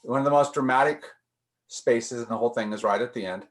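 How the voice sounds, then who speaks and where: A man's voice: mid-range voice, fast talker. A man leading a casual group discussion, thinking aloud with frequent restarts and repeated words.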